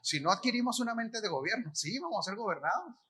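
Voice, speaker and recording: A man's voice: sits high, animated, fast, bright, forceful tone, husky. A man with a Mexican Spanish accent preaching a conference sermon, talking in a colloquial way, asking the audience questions and answering them himself. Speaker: apostle preaching.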